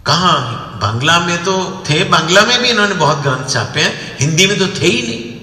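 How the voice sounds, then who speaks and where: A man giving a devotional storytelling talk to a gathering. He is animated, his voice climbs sharply when he acts out what others said, and he checks in with listeners with a questioning "hmm?". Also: medium pitch. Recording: echoey hall with long reverb.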